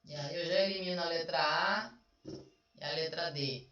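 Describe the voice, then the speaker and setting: In an online exam review, a woman who teaches Portuguese works through the answers one by one at a normal speed, asking questions in a chatty way. Her deep voice comes across bright and keen, though the sound is roomy, dull, and distant, with heavy echo.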